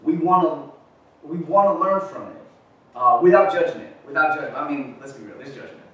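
In a gallery-like room with a screen, a man in his thirties gives a casual lecture presentation at a talk event, his voice a little high, brisk and somewhat bright. He speaks conversationally, leaning on "right?" and filler words. The recording is echoey and picked up from far away.

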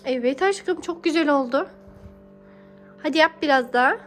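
A young woman with a high voice speaks at normal speed to her small child as they bake, warm and encouraging with pet names and repeated phrases. Faint music sits behind her.

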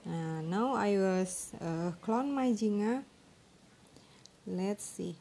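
Woman, halting broken English, creaky. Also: medium pitch, animated, warm tone. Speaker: tutorial presenter. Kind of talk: informal screen-recorded phone tutorial. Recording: noisy amateur phone screen recording.

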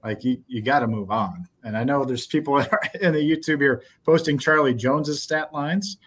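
A middle-aged man hosting a casual postgame sports podcast over a video call, blunt and animated with lots of fillers. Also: medium pitch, moderate pace, slightly rough. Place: small indoor office. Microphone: headset on a video call.

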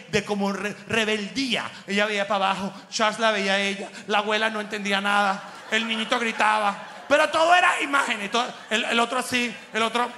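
Bright-voiced comic, echoey hall. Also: male voice, high-pitched, slight background noise. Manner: animated, slangy, mocking, laughing through jokes. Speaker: comedian host. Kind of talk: stand-up style comic monologue. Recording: echoey room with long reverb.

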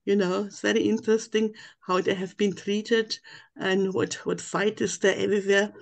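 An older woman, a native German speaker with a German accent, tells a long personal account as a participant on a webinar video call. Her medium-pitched voice is flat and moderately paced, with vocal fry.

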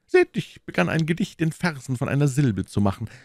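A man's voice: fairly high pitch, very animated, a little fast, gravelly, no room sound, pitched above the performer's own voice, full character voice. Aramis, a man reading a vain poet musketeer. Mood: affected. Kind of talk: audiobook character reading.

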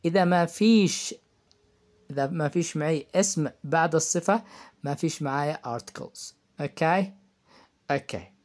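A man teaching a high-school grammar lesson. He poses questions to the class, answers them himself and repeats key terms. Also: normal speed. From Yemen. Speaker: English teacher.

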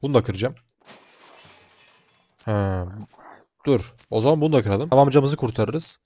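A man's voice: mid-range voice, expressive, a little slow, dark tone, no room sound. A man giving casual let's-play commentary as a gaming channel host, chatty, talking straight to his viewers and swearing freely.

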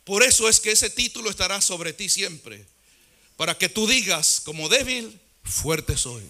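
A man's voice: high voice, moderate pace, pushed and bright. A man preaching a fervent sermon as pastor, often falling into a sung, chanting cadence.

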